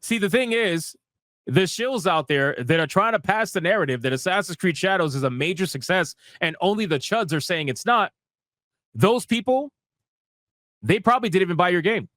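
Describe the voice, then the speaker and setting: Mocking and sarcastic, a gaming news livestream host speaks in a high, animated, slightly bright voice at a moderate pace. The studio-quality audio has no echo, and his casual, sweary, slangy commentary is emphatic, with phrases repeated for effect.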